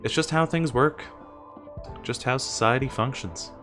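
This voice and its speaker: A man's voice: medium pitch, unhurried, fairly bright tone. A man from the US giving a casual explainer, talking conversationally and asking exasperated rhetorical questions that he often answers himself. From United States. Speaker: streamer and teacher giving presentation tips. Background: music.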